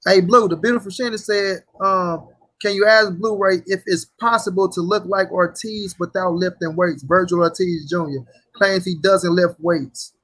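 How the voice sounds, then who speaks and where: A man's voice: high voice, fairly even intonation, normal speed, a bit bright. A man hosting a live stream, reading viewer questions and talking earnestly in casual chat. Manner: earnest, swears oaths, reads viewer questions.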